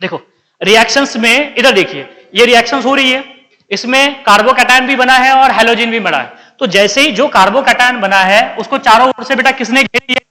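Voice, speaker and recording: A man's voice: very high-pitched, a little fast, sharp tone, in a large hall, rough recording. A man with an Indian accent teaching chemistry, mixing English terms into his lecture and repeatedly asking his students questions, then answering them himself. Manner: keeps quizzing students and answering himself, calls them beta. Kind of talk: classroom lecture.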